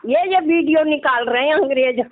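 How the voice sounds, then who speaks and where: This high-pitched, fairly quick-talking woman is middle-aged and a religious devotee phoning in. She chats casually in a complaining manner, tacking small questions onto her phrases, and the call has a tinny, narrow sound.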